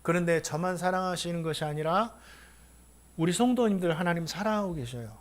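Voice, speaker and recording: A middle-aged man preaching a sermon as pastor, asking his congregation questions and swinging from hushed, quiet talk to loud, impassioned appeals. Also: high voice, fairly quick. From Korea.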